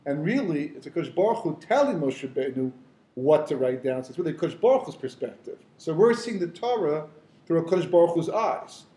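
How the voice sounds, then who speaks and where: Brief: male rabbi lecturing informally, warm tone, echoey room. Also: a little high, very animated, a little fast. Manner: conversational, storytelling, many fillers and asides. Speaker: rabbi teaching the weekly Torah portion.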